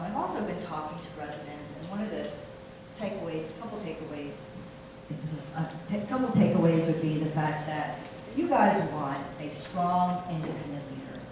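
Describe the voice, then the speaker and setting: Woman, middle-aged, candidate speech, halting, far from mic, noisy hiss. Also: low voice. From Taiwan. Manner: halting, with fillers and restarts. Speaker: city council candidate. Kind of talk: campaign speech. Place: meeting room. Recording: echoey room from far off, noisy.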